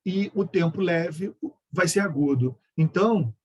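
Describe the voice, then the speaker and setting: Man, from Brazil, music lecturer, high husky voice, sings syllables and numbers, video call. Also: a little slow, darkish tone. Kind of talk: online lecture with sung examples.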